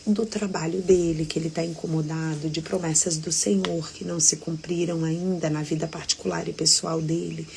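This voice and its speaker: Brazilian lady telling a story on a live devotional, hushed and close, slight fry, faint hiss behind. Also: sits low, flat delivery, moderate pace, hardly any pauses. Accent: Brazilian Portuguese. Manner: intimate, drops to hushed half-whisper. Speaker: devotional host. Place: living room at home at night.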